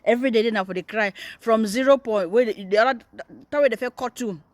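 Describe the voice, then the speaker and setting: A woman's voice: on the high side, quick pace, no echo. A Nigerian woman vlogger giving teasing, mocking commentary. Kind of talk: casual commentary in Pidgin.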